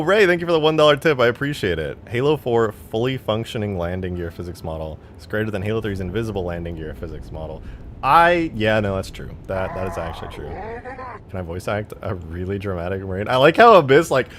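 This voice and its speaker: A live streamer with a voice on the low side talks in a casual, slangy way, reading out viewer comments. He's bluntly self-deprecating and swears some, with slight background noise.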